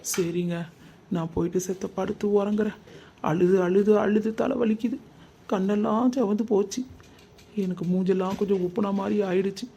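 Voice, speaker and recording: A man's voice: sits high, steady tone, moderate pace, vocal fry, dark tone, husky, full character voice. A man voicing a manipulative young wife in a cartoon, sulking, fake-crying and snapping back. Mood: whiny. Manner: whiny, sulky, pointed retorts. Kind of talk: cartoon comedy voice acting.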